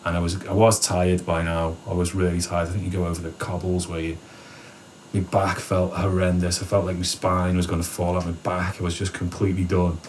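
A man with a fairly low voice tells a story in relaxed conversation. He is animated, laughs often and raises his voice when acting out what people said. Faint background noise sits under the recording. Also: fairly quick. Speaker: guest. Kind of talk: casual storytelling.

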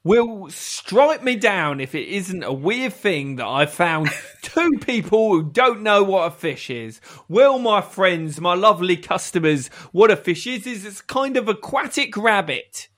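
Man as a high, lively fishmonger with a put-on British accent, rambling salesman patter, improv comedy. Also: unhurried, few pauses, heavily acted. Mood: hawking. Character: chatty male fishmonger hawking wares at a fair. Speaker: improv performer.

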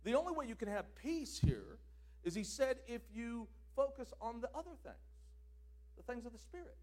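High-voiced guy preaching, really animated, loud bits then quiet asides. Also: moderate pace. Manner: emphatic, swings between loud declarations and quiet asides. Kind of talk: sermon.

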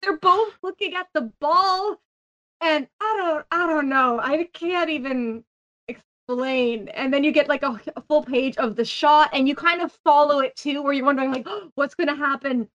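High-pitched woman on a podcast, gushy and excited, lots of likes. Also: normal speed, muffled recording. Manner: excitable, gushing, full of "like". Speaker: podcast host. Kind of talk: casual podcast chat.

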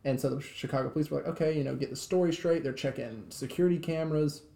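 A man's voice: on the high side, fast talker, vocal fry, warm tone, roomy sound. A man co-hosting a podcast in casual chat, rambling with many restarts and fillers. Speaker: podcast co-host.

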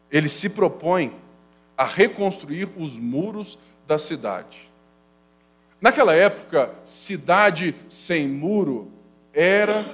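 A man preaching a sermon as pastor, swinging from loud urgent passages to low quiet asides and acting out quoted complaints. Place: church.

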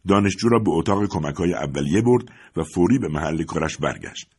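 A man reading a story aloud as narrator, with expressive storytelling. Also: low-pitched, husky.

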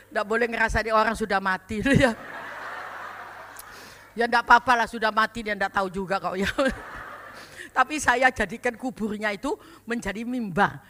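High, bright-voiced older woman preaching. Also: a little hiss or hum. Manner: lively, animated anecdotes with exclamations and laughter. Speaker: pastor. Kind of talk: storytelling sermon.

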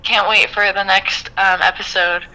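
A young woman calling in, heard through a phone on speaker, chatty and excitable. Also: medium pitch, moderate pace, low-quality recording. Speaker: phone-in caller.

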